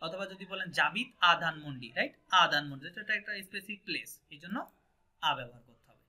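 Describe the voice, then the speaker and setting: A man with a Bangladeshi Bengali accent leads a French lesson and keeps checking that his students follow. His voice is very bright and sits a little high. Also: fairly quick. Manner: patient, asks checking questions often. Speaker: French teacher. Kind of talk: online language class.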